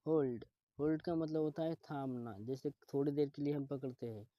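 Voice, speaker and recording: A man's voice: a little high, steady tone, moderate pace, no echo, dull audio. A man teaching English vocabulary in a methodical way. He says each word, repeats it, gives its meaning, and calls his viewers friends. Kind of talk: vocabulary lesson.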